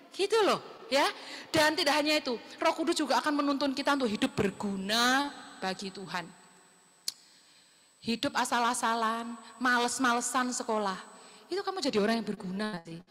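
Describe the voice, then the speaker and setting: A woman preaching a lively youth sermon, animated and calling for amens, recorded in a church hall. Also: sits high. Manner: animated, asks the crowd for amens, mimics youths' questions. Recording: long reverb of a church hall.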